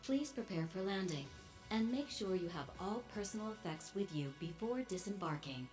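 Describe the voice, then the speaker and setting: An actress voicing a woman crew announcer who addresses passengers over an airship's loudspeaker in a formal, measured way. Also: mid-range voice, lively intonation, music in the background.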